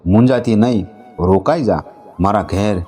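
A man's voice: on the low side, normal speed, mellow, soft background music, lightly acted. A man voicing a loyal, protective village man who reassures his sworn sister in a folk tale. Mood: earnest.

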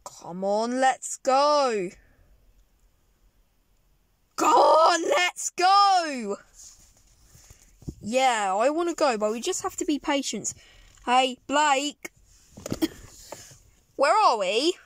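A woman's voice: big pitch swings, very slow, long pauses. A woman playing with plush toys in a moving car at night, talking playfully and giggling, recorded on a handheld phone. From England. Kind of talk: playful toy role-play vlog. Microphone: handheld phone camera. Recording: loud car road noise. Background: car engine and road rumble.

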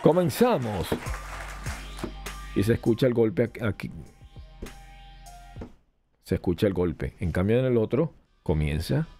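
A man's voice: on the low side, lively intonation, moderate pace, long pauses, dark tone, faint music behind. A man hosting a podcast, giving a casual, rambling hands-on review of a mixer and testing it aloud. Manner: rambling, chatty, tests gear aloud.

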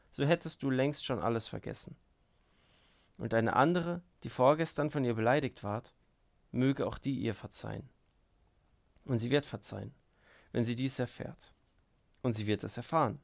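A man's voice: mid-range voice, gravelly, close to an everyday voice. A man reading an earnest, impassioned young novice monk in an audiobook. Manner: earnest, pleading. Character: young male novice, gentle but impassioned.

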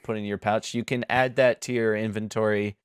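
A man narrating as game master for a tabletop game, pausing often with ums and uhs. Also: on the low side, little pitch movement, smooth, no echo, studio quality. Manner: halting, with many ums and uhs.

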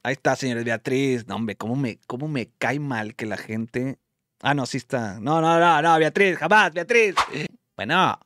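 A Mexican man hosting a live stream, calling followers and giving teasing, rapid play-by-play commentary. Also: medium pitch, animated, fairly bright tone, no room sound. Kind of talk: lively live-stream phone game commentary.

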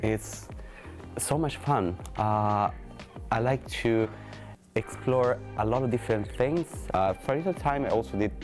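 A man's voice: medium pitch, unhurried, a little mellow. A man in his twenties, a native Italian speaker talking in English, gives a candid, hesitant interview to camera in a studio. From Italy. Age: 20s. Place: studio with blue backdrop. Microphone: lapel. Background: background music.

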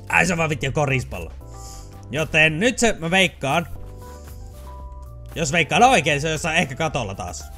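A gamer with a slightly high voice gives casual let's play commentary, getting excited as he plays a video game. Swearing and yelps come through, and he slips into English phrases now and then.

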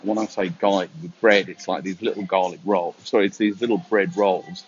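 A middle-aged man speaks in a fairly low voice, giving a casual tour to camera. His delivery is wry and offhand. The sound is a little dull and lo-fi, as from a phone held at arm's length. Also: steady tone, a little fast. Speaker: vlogger giving a restaurant tour. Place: quiet restaurant interior with large windows.

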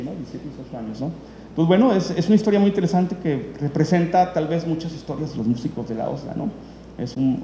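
A man's voice: medium pitch, warm tone. A man, hosting an event and introducing documentaries in unscripted speech, full of fillers and restarts. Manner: rambling, many fillers and restarts. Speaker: event host presenting documentaries. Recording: echoey hall, faint room noise.

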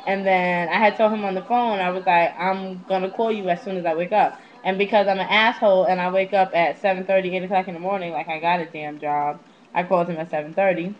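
A woman in her twenties casually tells personal stories to her webcam in a small room at home, candid and slangy, swearing freely. Her voice is on the low side with fairly even intonation, and she talks fast. The vlog audio comes from a netbook's built-in webcam mic, sounding dull and lo-fi, with slight background noise.

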